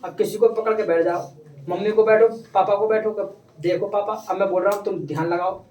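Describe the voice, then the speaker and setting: A male teacher coaxes his class, pitched a little high and asking the same question again and again. He sounds far off in an echoey classroom, with faint noise behind him. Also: fairly even intonation, brisk, darkish tone, muffled recording. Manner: coaxing, repeats questions to pupils. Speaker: English teacher. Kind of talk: classroom lesson. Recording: echoey room, distant mic, faint noise.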